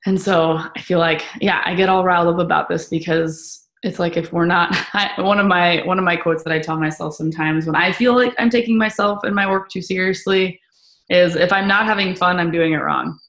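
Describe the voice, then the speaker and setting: A woman in casual chat, animated and full of fillers as she talks. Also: on the low side, fairly quick. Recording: roomy echo.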